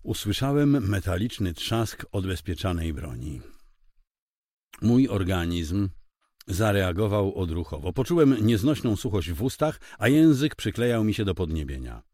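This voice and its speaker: A male narrator reads a first-person crime story with a low voice that moves freely up and down. The delivery is dramatic and expressive. The recording is close and dry, with no room sound. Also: measured pace, no room sound. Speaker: audiobook narrator.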